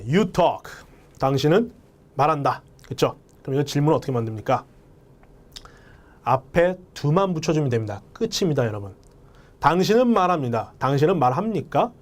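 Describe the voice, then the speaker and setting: A man teaching an English lesson, emphatic and often speaking straight to his viewers. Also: fairly high pitch. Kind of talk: lecture.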